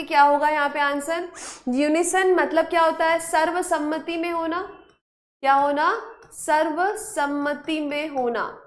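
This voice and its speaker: A woman with a voice that sits high teaches an online spelling and vocabulary class. She mixes Hindi with English words and coaxes students along by repeating each question and answer.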